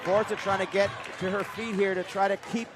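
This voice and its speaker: A high-pitched man works as an excitable wrestling commentator, calling and analysing the action live. The crowd is clearly audible behind him, with plenty of event noise around his voice. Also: a little fast. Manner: excitable, exclaiming at big moves.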